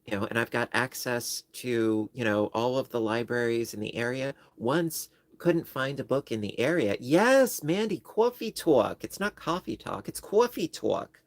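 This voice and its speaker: With a mid-range voice and lively intonation, the New Yorker talks a little slowly but with few pauses, and there's no echo. He hosts a livestream, chatting loosely, rambling, and teasing himself.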